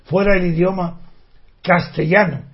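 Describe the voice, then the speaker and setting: A man's voice: high voice, fairly even intonation, measured pace. An older man in an opinionated spoken monologue, talking indignantly with rhetorical questions and frequent restarts. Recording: dull lo-fi recording.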